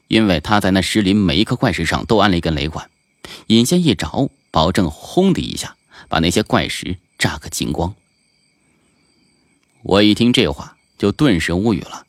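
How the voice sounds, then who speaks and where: A man narrating a novel in a colloquial, lively storytelling manner. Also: low voice, no echo, studio quality. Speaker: audiobook narrator.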